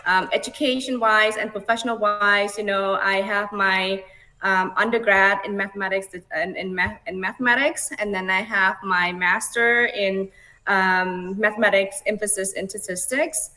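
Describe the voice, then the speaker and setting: A woman's voice: medium pitch, fairly even intonation, moderate pace, bright, forceful tone. A middle-aged woman born in Cambodia, a guest speaker chatting casually over a video call, with many fillers and easy laughs. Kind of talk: casual online talk.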